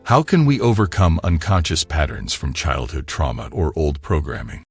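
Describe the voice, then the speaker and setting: A man reading prepared interview questions in a measured, scripted way. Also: extremely low pitch, big pitch swings, slightly rough, soft background music. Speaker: podcast narrator.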